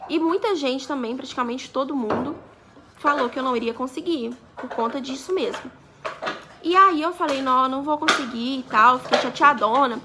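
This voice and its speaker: A woman's voice: sits high, moderate pace, noisy background. A young woman in her twenties from Brazil, chatting through a story for her vlog and acting out the dialogue. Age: 20s. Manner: chatty, acts out quoted dialogue. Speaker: vlogger.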